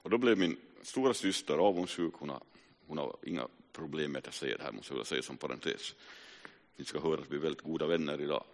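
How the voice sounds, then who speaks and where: Deep-voiced preacher in an echoing hall. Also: male voice. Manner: earnest storytelling, animated rises and hushed drops. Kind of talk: personal testimony sermon. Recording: reverberant hall.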